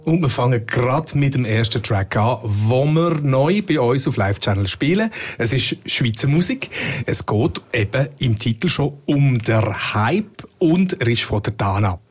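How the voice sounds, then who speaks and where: A man's voice: mid-range voice, expressive, a little slow, husky. A man with a Swiss German accent, co-hosting a music podcast in a casual, conversational style. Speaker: radio music chief and podcast co-host.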